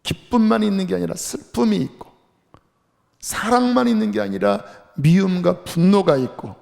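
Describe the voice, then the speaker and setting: A male pastor delivers an impassioned sermon. His voice sits high and carries a gravelly edge. The church sanctuary lends it a long, lingering reverb. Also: darkish tone. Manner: impassioned, voicing anguished outbursts.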